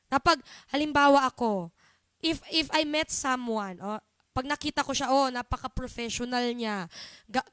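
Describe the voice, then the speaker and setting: A woman's voice: high voice, a bit bright, clear, resonant tone, dry recording. A woman preacher with a Filipino accent, teaching a church group and often checking in with the listeners. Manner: Taglish, often asks "di ba?" and "Amen?".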